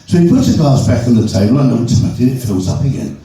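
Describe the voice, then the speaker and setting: A man's voice: mid-range voice, animated, racing, vocal fry, mellow. A man telling jokes to a live audience, rambling with stumbling restarts and chuckling at his own punchlines, heard from far off in a large echoey hall. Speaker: joke teller.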